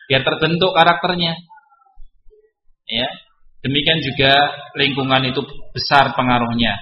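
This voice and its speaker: A man, preaching a study sermon with joking asides and sudden jumps in pitch for emphasis. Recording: roomy, dull lo-fi recording.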